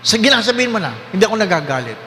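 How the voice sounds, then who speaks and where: A man voicing a dying husband who gently coaxes his wife to confess, speaking low and pleading in a large echoing church. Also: big pitch swings, very fast, slight background noise, heavily acted. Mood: coaxing. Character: dying middle-aged husband, coaxing and suspicious. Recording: roomy hall reverb with faint ambience.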